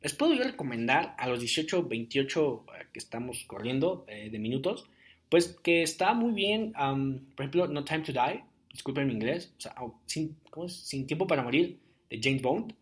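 A young man talks alone into his podcast mic. He rambles in a loose, chatty way and fills his talk with fillers. His voice sits at an ordinary middle pitch. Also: very animated, moderate pace. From Jalisco, Mexico. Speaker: podcast host. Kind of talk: casual solo podcast monologue.

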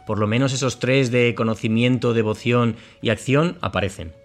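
A man's voice: mid-range voice, normal speed. A man hosting an interview podcast, reflective and paraphrasing his guest, with short backchannel replies. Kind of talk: casual interview chat.

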